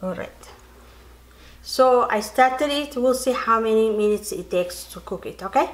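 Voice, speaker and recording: In a fairly high, unhurried voice, a woman who natively speaks Tigrinya demonstrates cooking in her home kitchen, chatting through the steps and often addressing viewers. She's off-screen behind the camera mic, with echo and slight background noise.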